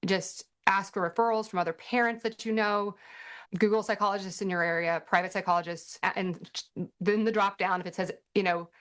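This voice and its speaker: A woman's voice: medium pitch, steady tone, brisk, fairly bright tone. A middle-aged woman hosting a parenting workshop, answering questions in a chatty way with dry sarcastic asides. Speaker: workshop host and parent advocate. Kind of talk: casual teaching Q&A.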